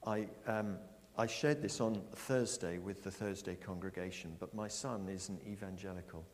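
A middle-aged man preaching a sermon, asking his congregation questions and stressing his words slowly. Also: low voice. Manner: lively, questioning the congregation, slow emphatic phrasing. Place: church. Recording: long church reverb.

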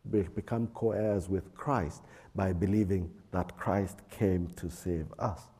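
A man with a low, very dark voice delivers a sermon slowly, pausing between phrases as he reads scripture. His tone is husky. The sound is drenched in a big hall's echo. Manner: slow, measured preaching with pauses and fillers. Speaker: preacher. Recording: echoing hall reverb.

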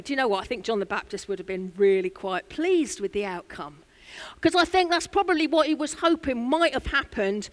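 A woman pastor preaching a sermon in a church, telling a story with lively asides and questions to the congregation. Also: high-pitched.

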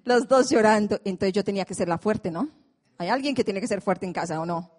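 A woman in her forties, from Colombia, tells a personal faith testimony to a prayer group in a lively storytelling way, acting out her own prayers. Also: mid-range voice, brisk.

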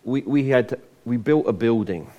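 A man's voice: mid-range voice, normal speed, dark tone, highs cut off. A middle-aged Scottish man preaching a sermon in a conversational way, often restarting and repeating words as he goes. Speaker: pastor.

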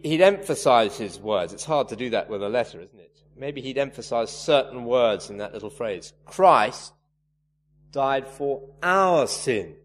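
A man's voice: mid-range voice, darkish tone. A man preaching a sermon, earnest and emphatic, leaning hard on key words. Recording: reverberant hall, faint hum.

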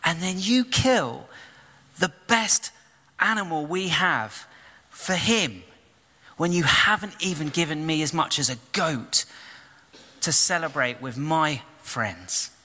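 A man's voice: medium pitch, slow, hardly any pauses, bright, forceful tone, big-room sound. A man voicing a resentful older brother, a young man complaining bitterly and indignantly. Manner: rising, aggrieved complaint.

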